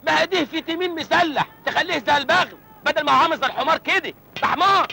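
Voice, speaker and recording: Naive village lad, Egyptian accent, cheeky, joking, high voice, very fast. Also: male voice, gravelly, sharp tone, exaggerated voice. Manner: cheeky, joking, self-pitying. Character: naive cheeky village man, young, penniless. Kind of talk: film comedy acting.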